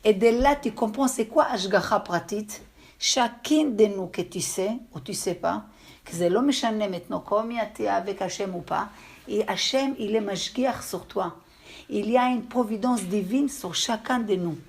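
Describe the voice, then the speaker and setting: A woman with an accent giving a religious lesson to a group, telling stories in a halting way and often checking that her listeners understood. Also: medium pitch, vocal fry, breathy edge. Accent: speaks with an accent. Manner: storytelling, with halting restarts. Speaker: religious teacher. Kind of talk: lecture to a group.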